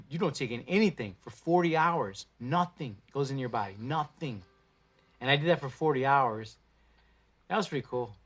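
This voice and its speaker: A man hosting a casual livestream, talking in a profane, slangy and animated way into a phone. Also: fairly high pitch. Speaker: livestream host.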